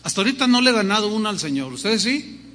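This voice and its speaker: Man, preaching, high bright voice, long hall echo. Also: rapid-fire. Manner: animated, acts out voices of God and believers. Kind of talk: sermon.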